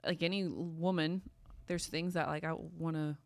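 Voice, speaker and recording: A woman talking casually with her husband on a podcast, soft-spoken and giggly, often trailing off quietly. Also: sits low, steady tone, moderate pace, creaky, no room sound. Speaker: pastor's wife, guest. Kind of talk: casual chat.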